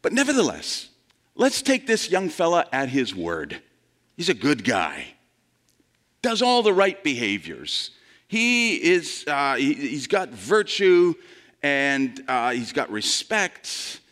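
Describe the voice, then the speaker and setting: A man's voice: huge pitch swings, slow, a bit bright. A man preaching a sermon in a conversational way, quizzing the congregation and acting out quoted voices. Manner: conversational, asks the congregation questions; plays out quoted voices with big shifts in pitch. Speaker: pastor.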